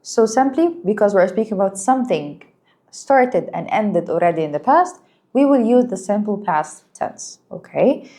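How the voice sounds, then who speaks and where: A woman whose first language is Arabic teaching an English lesson, speaking slowly and clearly and praising her students. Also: medium pitch, lively intonation, dark tone. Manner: patient, encouraging, slow and clear, explains in Arabic too.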